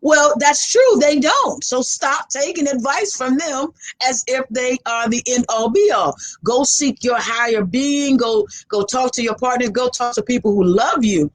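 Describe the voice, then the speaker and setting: A woman's voice: a little high, moderate pace, hardly any pauses. Female talk show guest, conversational and motivational, emphatic, leans on repeated phrases. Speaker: guest giving life advice.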